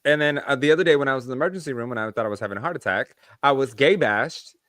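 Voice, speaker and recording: A man co-hosting a podcast, telling animated stories in casual chat and swearing freely. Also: mid-range voice, rapid-fire, dry recording, clean studio sound. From United States. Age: adult, past his early twenties. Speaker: podcast co-host.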